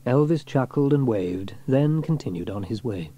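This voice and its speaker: Reading a children's story at a moderate pace, this man sounds mellow and mid-pitched, with lively, expressive intonation fit for an audiobook. The highs in the recording are cut off.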